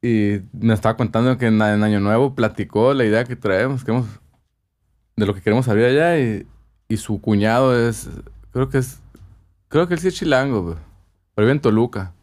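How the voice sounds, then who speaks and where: Un hombre con acento sinaloense que cuenta anécdotas en una charla informal, con mucha jerga e imitando las voces de otros. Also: male voice, mid-range voice, fairly quick. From northwestern Mexico. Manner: slangy, animated storytelling with acted-out quotes. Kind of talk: casual storytelling chat.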